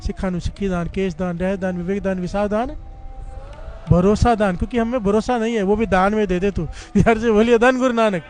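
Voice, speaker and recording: A man whose high voice stays fairly even in intonation talks fairly quickly, with few pauses. As a Sikh preacher giving katha, he tells a story fervently and keeps prompting the congregation to respond, often leading them in "dhan guru nanak."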